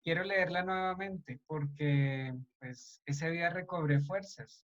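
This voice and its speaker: A man's voice: a little high, takes it slowly, a bit bright. A man leading a church couples meeting, speaking earnestly and devotionally and addressing the listeners directly. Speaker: church couples ministry leader. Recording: dull lo-fi online meeting audio.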